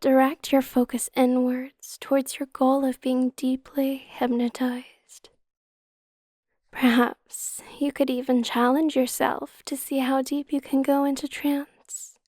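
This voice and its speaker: A woman guiding a hypnotic induction in a slow, soothing hypnotist manner, with a soft, breathy, half-whispered ASMR delivery. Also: high voice, level tone, dry recording, clean studio sound. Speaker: hypnotist guide.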